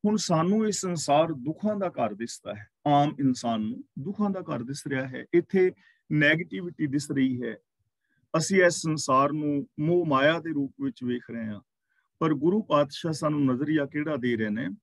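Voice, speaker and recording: Man, scripture teacher, slightly high voice, dry close sound, slow careful recitation. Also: animated, no room sound. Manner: slow deliberate recitation of verses, then explaining. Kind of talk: scripture explanation class.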